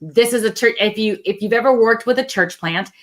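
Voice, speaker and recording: A woman co-hosting a faith talk, telling a personal story in a relaxed conversational way and acting out the lines of the people in it. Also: fairly high pitch, a little fast. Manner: earnest, acts out quoted dialogue, laughs easily. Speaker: co-host sharing her testimony.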